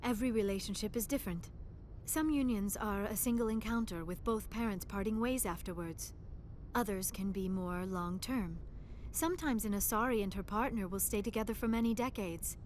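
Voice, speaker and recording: With a natural, darkish, medium-pitched voice at an ordinary pace, an actress plays the shy, earnest archaeologist of a video game crew, a young alien woman scientist. She explains things calmly in formal, precise diction, and there's a slight hiss or hum.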